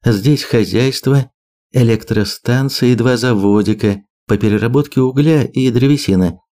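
A man's voice: medium pitch, moderate pace, warm tone, lightly acted. A man voicing an earnest male islander who explains things in a careful, informative way in an audiobook. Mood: explaining.

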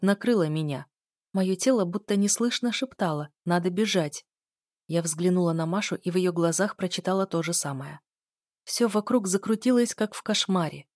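A woman narrating a first-person story in a steady, scripted audiobook read. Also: fairly low pitch, dry recording, studio quality.

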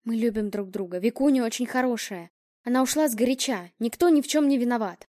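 A woman's voice: a little high, fairly quick, a little mellow, dry recording, clean studio sound, natural voice. A woman voicing a frantic mother of a missing girl, tearful and pleading. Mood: desperate.

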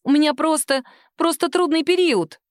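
A woman voicing a timid young female office worker who squeaks and bleats her replies. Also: normal speed, dry recording, studio quality, lightly acted. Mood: frightened.

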